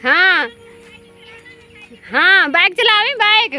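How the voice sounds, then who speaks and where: A woman's voice: very high-pitched, big pitch swings, very slow, sharp tone, soft background music. A woman chatting casually and laughing often as she films a vlog outdoors in the fields. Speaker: vlogger.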